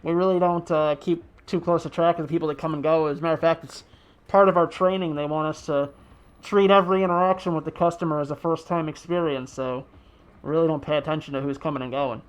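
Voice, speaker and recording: A man's voice: a little high, steady tone, quick pace, natural voice. A man voicing a cheery male burger mascot who speaks in a muffled, upbeat sales voice. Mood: apologetic.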